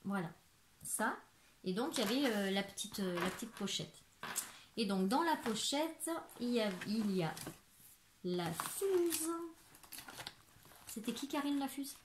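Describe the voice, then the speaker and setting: A woman's voice: on the high side, expressive, moderate pace. A woman in her forties from France, chatting casually through a crafting haul with lots of fillers and restarts, recorded at home. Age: 40s. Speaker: crafting YouTuber. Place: home living room. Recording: echoey room with background noise.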